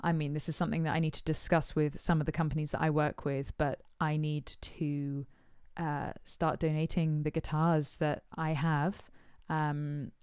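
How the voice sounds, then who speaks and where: A woman's voice: deep voice, little pitch movement, normal speed, hardly any pauses, darkish tone, smooth, no room sound, clean studio sound. A woman musician answering her supporters' questions in casual chat, thoughtful and hesitant with many ums and uhs.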